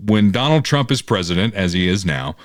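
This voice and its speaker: A man, hosting a political podcast and talking in a casual, animated way. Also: lowish voice, a little fast, dry recording, clean studio sound. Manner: animated, mocking quoted critics. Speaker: podcast host.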